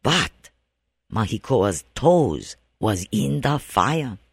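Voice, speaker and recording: Animated gravelly Pidgin storyteller. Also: male voice, fairly low pitch, very slow, no echo, studio quality. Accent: Hawaiian Pidgin. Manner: lively, dramatic storytelling. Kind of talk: spoken ghost story.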